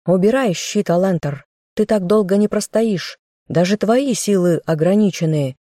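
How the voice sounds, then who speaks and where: A woman voicing an arrogant, treacherous young man, a squire in armor who shouts threats. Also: mid-range voice, normal speed, no echo, clean studio sound, close to an everyday voice. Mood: threatening. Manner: shouting, menacing.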